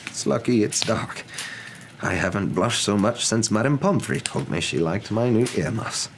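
A man voicing a gentle, calm old wizard with a courteous, unhurried and whimsical way of talking, in a storybook reading. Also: fairly low pitch, voice pushed up. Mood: bashful. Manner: unhurried, courteous, mildly amused. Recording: clear background noise.

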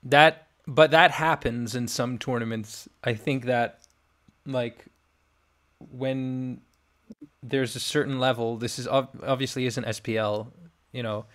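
Soft-spoken young man hosting a gaming podcast. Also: mid-range voice, fairly even intonation, takes it slowly. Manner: soft-spoken, hesitant, trailing off. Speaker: podcast host. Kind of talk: casual gaming commentary.

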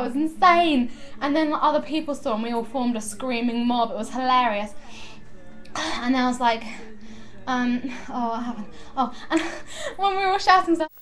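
Giggly excitable high-voiced woman. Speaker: vlogger. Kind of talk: casual chatty vlog.

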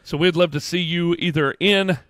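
A man co-hosts a podcast with a friendly, loose, rambling way of talking. His voice sits on the higher side. The sound is dry and close, with no room echo. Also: moderate pace, fairly bright tone. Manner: friendly, rambling, announcing events. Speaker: podcast co-host. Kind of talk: casual podcast chat.

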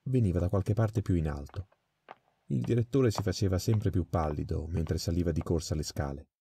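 A man reading a crime story aloud in a measured, dramatic storytelling manner. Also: sits low, gravelly, mellow, a little hiss or hum. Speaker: audiobook reader. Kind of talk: scripted story narration.

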